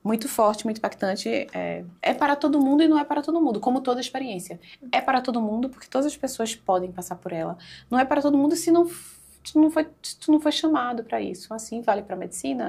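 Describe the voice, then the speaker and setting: A woman's voice: fairly high pitch, creaky, darkish tone, breathy edge. A woman speaking as a podcast guest, telling an emotional spiritual story in casual conversation, with many fillers.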